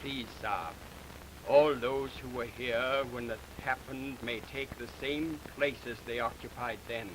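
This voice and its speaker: Brief: a solemn hypnotist mystic, slow and grave, from a hissy early talkie soundtrack. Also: male voice, medium pitch, steady tone, a bit bright. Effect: early talkie film sound. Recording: noisy early film soundtrack.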